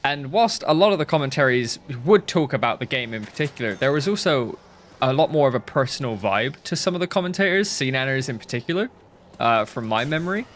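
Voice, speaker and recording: A man's voice: mid-range voice, animated, brisk, a bit bright, a little hiss or hum. A man in his thirties, a gaming YouTuber rambling through casual commentary over gameplay with lots of swearing and self-mockery, talking into a headset mic.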